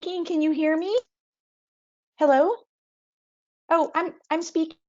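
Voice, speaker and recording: Woman guest presenter on a call with a connection that keeps cutting out, soft mellow voice, apologetic, checking she is heard. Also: extremely high pitch, fairly even intonation, slow pace. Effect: call audio breaking up and cutting out. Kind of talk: virtual presentation. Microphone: video call. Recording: muffled video call audio.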